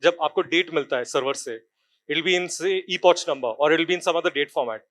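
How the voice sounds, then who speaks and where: A man with an Indian English accent delivers a technical talk from a conference stage at a rapid clip. His voice sits a little high, and he keeps quizzing the audience and mixing in Hindi. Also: fairly bright tone. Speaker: conference speaker.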